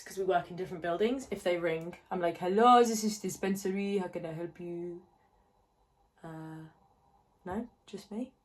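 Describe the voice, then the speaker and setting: A woman's voice: medium pitch, slight background noise. A woman in her twenties, chatting casually while doing her makeup in a get-ready-with-me vlog, rambling with lots of fillers and asides. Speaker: fitness vlogger. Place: home, indoors. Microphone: phone camera held close.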